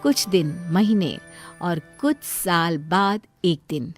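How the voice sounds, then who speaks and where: A woman narrating a cartoon story in a plain, even storytelling manner. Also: fairly low pitch, slow pace, faint music behind.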